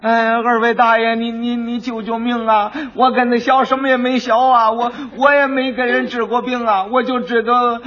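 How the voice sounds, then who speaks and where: A man's voice: very high-pitched, little pitch movement, normal speed, few pauses, a bit bright, pitched above the performer's own voice. A man doing a sobbing frightened boy. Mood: pleading. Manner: sobbing, stammering pleas. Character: frightened eleven-year-old boy, crying. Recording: dull old lo-fi recording.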